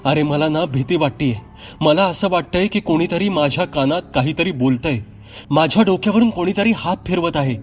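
A man's voice: fairly high pitch, moderate pace, pitched above the performer's own voice, natural voice. A man voicing a frightened young man, panicky and pleading. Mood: scared.

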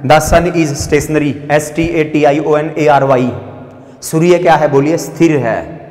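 A male teacher giving an exam-prep vocabulary lesson, explaining each word, spelling it letter by letter and asking students if it is clear. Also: on the high side, a little mellow. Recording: echoey classroom with long reverb.

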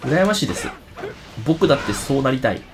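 A man's voice: mid-range voice, big pitch swings, fairly quick. A man giving casual let's-play commentary, chatting to himself and talking back to the enemies on screen. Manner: chatty, reacts aloud and talks back to enemies. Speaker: game streamer. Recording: game music playing loudly behind.

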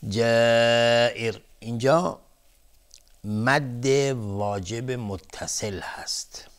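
A man with a somewhat low voice gives a televised Quran recitation lesson. He goes through each rule methodically and one step at a time. His delivery stays soft-spoken and low-key. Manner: methodical, explains rules step by step.

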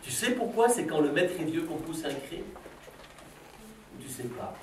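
Playful high-voiced man questioning a class. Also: very animated, normal speed. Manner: playful, probing, teasing questions. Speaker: philosophy workshop leader for children. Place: school classroom with children. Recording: roomy, from a distance, faint background noise.

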